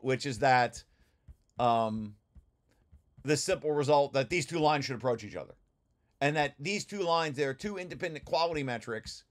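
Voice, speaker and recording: His voice is fairly high-pitched and fairly bright. As a study group leader presenting a research paper, he explains the technical content informally over shared slides, frequently starting over and repeating phrases.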